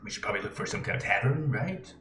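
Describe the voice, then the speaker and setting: A man's voice: mid-range voice, sing-song, racing. A man playing a tabletop game with friends, joking and laughing often. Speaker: player. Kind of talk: casual tabletop play. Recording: echoey room with music.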